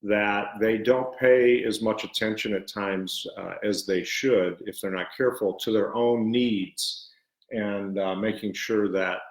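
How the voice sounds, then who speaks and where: A man co-hosting a live video stream, talking earnestly and haltingly, with many fillers. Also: fairly low pitch, fairly even intonation. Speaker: co-host and author. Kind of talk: live-stream book discussion. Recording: roomy echo.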